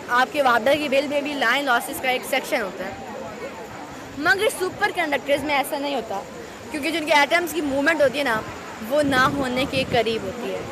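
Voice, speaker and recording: A young woman with a Pakistani Urdu accent, patiently explaining a science exhibit to visitors at an outdoor fair. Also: high voice. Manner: patient, explanatory, addresses the listeners directly. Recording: noisy outdoor crowd recording. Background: crowd chatter and traffic.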